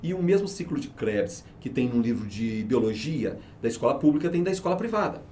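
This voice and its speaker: Interviewed as a guest, a research and market manager explains his teaching method persuasively and emphatically, frequently answering his own rhetorical questions. His mid-range voice is dark, fairly quick and very animated, with a little hiss or hum.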